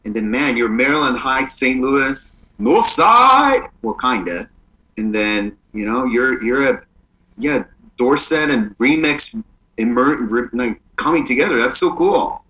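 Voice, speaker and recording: A man's voice: mid-range voice, expressive, a little slow, bright, forceful tone, low-quality recording. A man co-hosting a casual podcast over the internet, playful and jokey, breaking into goofy outbursts. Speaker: podcast co-host, pastor. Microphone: remote recording over the internet.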